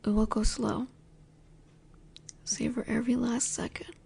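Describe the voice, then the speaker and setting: A soft-spoken young woman talks slowly to a listener in an intimate audio roleplay, voicing a possessive, teasing roommate. Her voice is gravelly and slightly rough with little pitch movement, and she lingers low before slipping into whispers.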